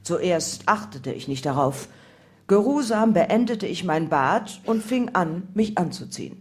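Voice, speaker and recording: A woman reading a first-person memoir aloud in calm, measured narration. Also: fairly low pitch. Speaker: audiobook reader.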